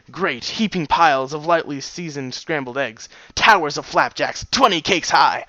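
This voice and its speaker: A man with a fairly high, smooth voice reads a story aloud and keeps stopping for casual, rambling asides. The sound is close and dry, a slightly dull home recording. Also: pushed and bright, no room sound. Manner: laughs and breaks off into rambling asides. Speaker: reader of a fan story.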